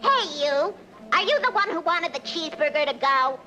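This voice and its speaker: Brassy waitress: forceful, smug cartoon delivery. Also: female voice, high-pitched, expressive, normal speed, muffled recording, slight background noise. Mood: pleased. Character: brassy, pleased-with-herself waitress. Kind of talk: exaggerated cartoon acting.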